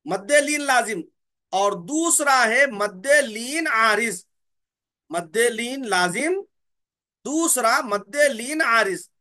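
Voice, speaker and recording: A man with a very high, expressive voice, pushed and bright, teaches the rules of Quran recitation in a slow explanatory lesson. He repeats key terms, poses questions and answers them himself, and drawls out letter names slowly.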